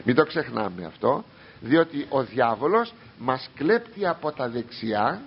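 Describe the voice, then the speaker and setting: A man's voice: fairly high pitch, a little hiss or hum. A man preaching a sermon as a priest, reading scripture and arguing with imagined objectors in a rhetorical, questioning manner. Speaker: priest teaching a congregation. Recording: dull lo-fi recording.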